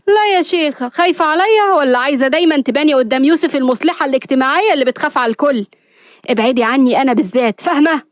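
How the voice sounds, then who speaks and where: A woman's voice: high-pitched, lively intonation, quick pace, dry recording, studio quality. A woman voicing an angry, jealous young woman who speaks in hostile, cutting lines.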